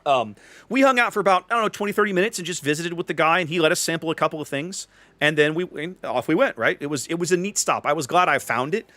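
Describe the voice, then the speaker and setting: An American man hosts a live stream in a fairly high, sharp-toned voice at a quick pace, with no echo. He chats casually with viewers while telling a rambling travel story that keeps restarting.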